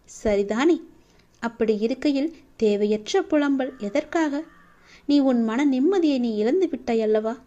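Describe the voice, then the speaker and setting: Devotional read: woman as a male god consoling a follower, slightly high, mellow tone, muffled lo-fi sound. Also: natural voice. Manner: tender, reassuring, slow and preaching. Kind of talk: scripted devotional monologue.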